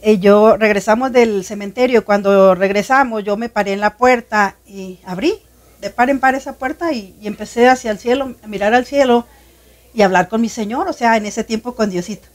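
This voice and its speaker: A woman's voice: medium pitch, normal speed. A woman sharing a personal faith testimony in conversation, earnest and heartfelt, often addressing the listener as brother. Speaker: guest sharing her testimony.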